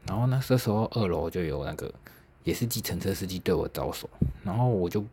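A man's voice: sits low, lively intonation, fast, very noisy. A young man with a Taiwanese Mandarin accent hosting a podcast, chatty and self-mocking, laughing and swearing lightly as he tells stories. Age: young adult. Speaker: podcast host. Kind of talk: casual solo storytelling.

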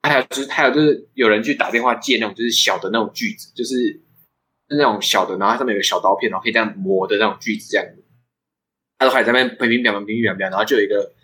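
A man's voice: fairly low pitch, pushed and bright, slight background noise, low-quality recording. A young man with a Taiwanese Mandarin accent, hosting a podcast and telling a rambling story with frequent laughs. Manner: fast, rambling, laughs often. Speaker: podcast host. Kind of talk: casual storytelling chat.

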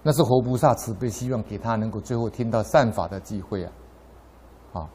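A man's voice: on the low side, brisk, dark tone, slightly rough. A middle-aged man from Taiwan, giving a Buddhist dharma talk full of anecdotes. His voice rises sharply when he tells a story. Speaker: lay Buddhist speaker.

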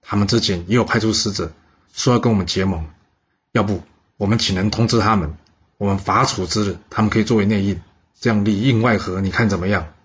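An ambitious ruler keeps pitching ideas and asking questions, as a man puts him on. His voice is husky and fairly low. The recording has a dull, lo-fi sound. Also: brisk. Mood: eager. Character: ambitious, eager male ruler.

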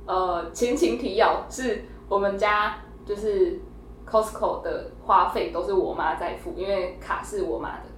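A woman's voice: mid-range voice, a little slow. A young woman hosting a casual podcast, telling a funny story animatedly with laughter and acted-out quotes. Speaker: podcast host. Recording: roomy echo, faint noise.

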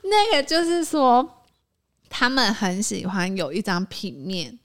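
A woman's voice: on the high side, a little slow. A woman speaks, chatting casually on a small podcast. She tells work stories with animation and jumps into the voices of the people in them. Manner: animated storyteller, acts out quoted people. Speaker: podcast co-host; designer. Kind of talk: casual chat.

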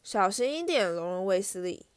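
A woman's voice: medium pitch, big pitch swings, normal speed, smooth, dry recording, close to an everyday voice. A woman voicing a spiteful, sneering schoolboy bully in a storybook reading, mocking and drawling.

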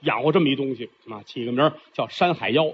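A man with a mid-range voice talks fast as he performs traditional storytelling in a theatrical, chatty style, often turning aside to address the listener directly. The recording is dull and lo-fi.

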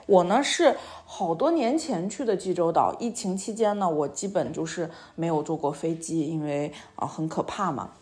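A woman's voice: on the low side, moderate pace, few pauses, a little mellow. A woman hosting a casual interview with a young child as a language teacher, prompting with short questions and repetition and dropping in foreign words. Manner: drops foreign words into sentences.

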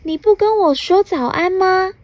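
A woman's voice: very high-pitched, unhurried, no echo, pitched above the performer's own voice. A woman voicing a tiny, cheerful, playful male elf in a storybook reading, with a chirpy, teasing manner.

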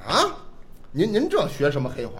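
A man playing the straight man in stage crosstalk comedy, cutting in quickly with questions and chuckling retorts. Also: on the high side, wildly swooping pitch. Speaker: supporting crosstalk partner. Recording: live stage show with audience.

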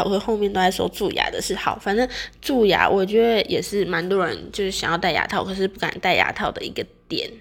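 Chatty young Taiwanese woman with creaky voice. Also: mid-range voice. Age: young adult. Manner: rambling, repeats words and corrects herself. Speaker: vlogger sharing personal experience. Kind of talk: casual chatty monologue to viewers.

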